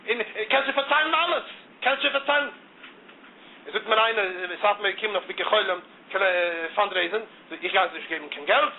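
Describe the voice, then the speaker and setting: A man's voice: sits high, a little fast. A man giving an impassioned monologue who repeats himself and stammers as he gets heated. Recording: tinny phone-like audio with faint noise.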